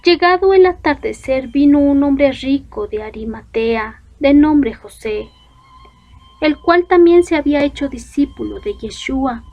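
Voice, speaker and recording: A woman reading scripture aloud in a measured, deliberate way, pausing between phrases. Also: high voice, lively intonation, a little mellow. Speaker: scripture reader. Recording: dull lo-fi recording.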